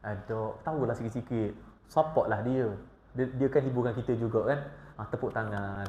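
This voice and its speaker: A Malaysian man teaching scripture at an evening mosque lecture, his voice at an ordinary middle pitch. He keeps it lively and jokey, dropping to quiet asides and then rising to loud, emphatic points. The prayer hall gives his voice a roomy echo. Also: moderate pace, dull audio, slight background noise. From Malaysia, grew up in Johor. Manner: animated and humorous, swinging between hushed asides and loud emphatic lines. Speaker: religious teacher.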